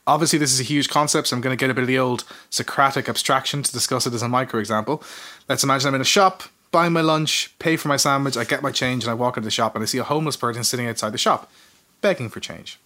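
A man co-host reads his own essay aloud, earnest and a little self-mocking. He talks fast with a bright, forceful tone. His pitch sits in the middle. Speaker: podcast co-host. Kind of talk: casual chat, reading an essay.

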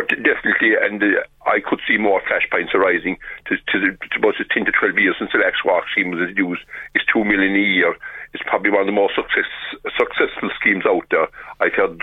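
A man's voice: deep voice, breathy edge, dry recording. A man from Kerry with a west of Ireland accent, giving a radio interview in a hesitant, stop-start way. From County Kerry, Ireland. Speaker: farmers' association representative, radio guest. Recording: tinny narrow phone line.

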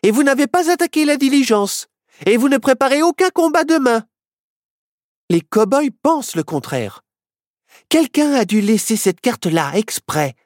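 A storyteller voicing a bold, excited young girl heroine in a children's storybook, talking in an urgent, insistent way. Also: sits high, moderate pace, no room sound, clean studio sound, voice pushed up.

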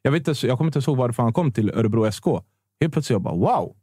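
Animated opinionated man chatting football. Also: medium pitch, husky, no echo, studio quality. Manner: animated, opinionated, trails off and restarts. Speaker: podcast panelist. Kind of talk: casual football chat.

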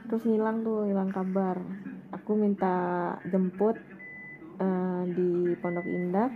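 Brief: blunt woman in casual chat, animated storyteller, phone-thin sound. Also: measured pace, a crowd in the background. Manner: animated, acts out quoted dialogue in a higher voice; blunt, slangy. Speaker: storyteller recounting a breakup. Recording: tinny lo-fi audio with noise.

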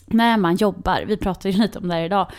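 A woman's voice: medium pitch, a little mellow, clean tone. A young woman co-hosting a podcast, joking and teasing in casual chat. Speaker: podcast co-host.

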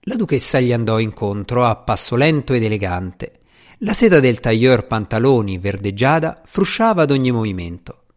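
A man narrating a novel in a measured storytelling delivery. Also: medium pitch, very animated. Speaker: audiobook narrator. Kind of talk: scripted narration.

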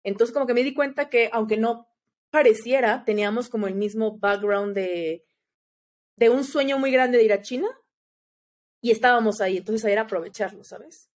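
Her voice sits on the high side and moves at a moderate pace. She's a young Mexican woman, accent clearly Mexican, chatting in a relaxed interview on a podcast and frequently saying "¿sabes?"

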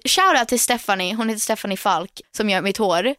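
A woman's voice: mid-range voice, sharp tone, no echo. Young woman, mid-range voice, casual chat, frank advice, mixes Swedish and English, dry close recording. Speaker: podcast co-host.

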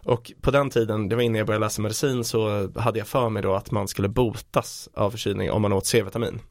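A man co-hosting a podcast in casual chat, telling jokes and stories with animated voice impressions. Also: dry recording, studio quality. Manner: animated storyteller, mimics voices with big pitch jumps; fillers and restarts, joking. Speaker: podcast co-host.

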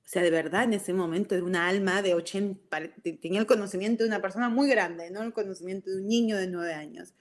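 A middle-aged woman with a Rioplatense Spanish accent talks through parenting advice in a casual, animated way. Her voice sits at an ordinary pitch for a woman. She sprinkles in English words and keeps checking in with "ok?". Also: fast talker, hardly any pauses. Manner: animated storytelling, mixes in English words, frequent "ok?". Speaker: mother sharing parenting advice.

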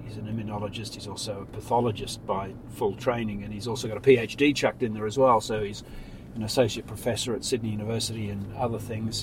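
A middle-aged man answers questions from the passenger seat in a measured, thoughtful way, and his voice sits in a middle pitch. His phrases often fade to a quiet close. A faint hum of the moving car runs underneath. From Sri Lanka, raised in New Zealand. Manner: reflective, measured, trailing off quietly. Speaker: interview guest. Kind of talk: casual interview in a car. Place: inside a car. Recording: faint road noise.

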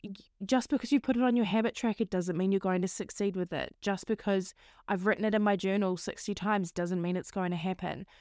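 Female podcast host, mid-pitched and slightly croaky, earnest and encouraging, recorded dry and close. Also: fairly even intonation, brisk, darkish tone, dry recording. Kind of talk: solo motivational podcast talk.

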